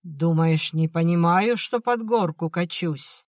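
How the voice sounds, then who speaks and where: A drunken, bitter old peasant father, as the audiobook narrator puts him on, dragging his words out slowly and loudly in a dry, close recording. He rails and mutters with a heavy, slurred weight on every phrase. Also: mid-range voice, dry recording, close to an everyday voice. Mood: maudlin, self-pitying. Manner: shouting then maudlin, slurred. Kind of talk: audiobook acting.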